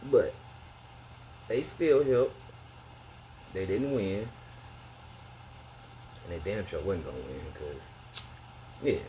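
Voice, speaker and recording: An American man with a low-pitched voice gives a casual, opinionated rant. His talk is slangy and conversational, with emphatic points. Noticeable steady noise sits behind him. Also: slow, pauses often, low-quality recording.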